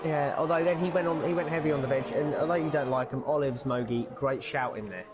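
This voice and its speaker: A man's voice: fairly high pitch, fast talker, over loud music. A man co-commentating a live sim-racing league in loose, cheeky banter. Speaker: race commentator.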